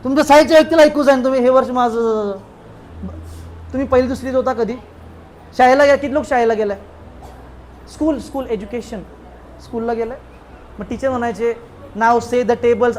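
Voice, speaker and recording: A man's voice: very high voice, fast talker, pauses often, slight background noise. A man pastor with a Marathi accent preaching a sermon in a church hall, emphatic and calling out hallelujahs. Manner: emphatic, calls out hallelujahs with the congregation.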